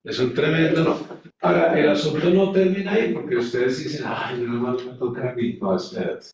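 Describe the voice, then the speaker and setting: A man's voice: medium pitch, moderate pace, crowd noise. A man teaching a Bible class in a sermon-like way, stressing his points and putting rhetorical questions to his listeners. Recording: echoey, dull sound from a distant mic.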